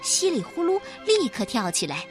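A woman narrating a children's storybook in a slow, expressive storytelling manner. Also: sits high, music in the background.

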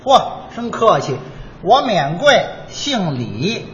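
A male crosstalk comedian works as the wry, teasing straight man in a stage routine. His voice sits fairly high and moves in a lively way. The recording sounds slightly dull, with faint background noise. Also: slow pace.

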